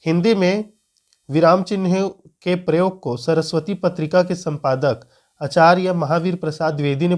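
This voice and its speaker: A man's voice: fairly high pitch, darkish tone. A man teaching Hindi grammar for an exam, explaining patiently and repeating key points. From Chhattisgarh, India. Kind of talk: screen-recorded lesson.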